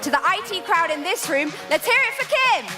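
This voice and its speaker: A woman's voice: very high voice, animated, brisk. A woman co-hosting a live data competition on stage, bubbly and punny as she introduces guests. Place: conference stage. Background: music.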